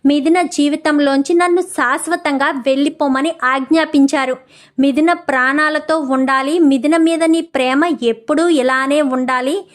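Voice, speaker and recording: A woman's voice: sits high, fairly even intonation, unhurried. Anguished young husband, read by a woman. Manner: pleading, emotional confession.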